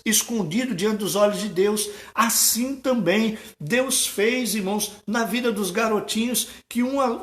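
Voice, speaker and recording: A man's voice: high-pitched, echoey room. A male pastor preaching a sermon, telling a parable and acting out the characters' lines before urging the congregation. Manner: retells a parable, acting out the boys' lines, then exhorts the congregation. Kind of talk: sermon with storytelling.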